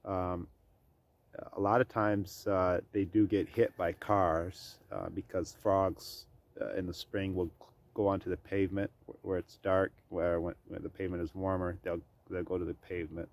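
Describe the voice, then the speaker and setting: A middle-aged man with a very low voice talks casually to his camera about life on his farm. He rambles, pausing often on ums and uhs as he goes. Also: flat delivery. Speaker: farm vlogger.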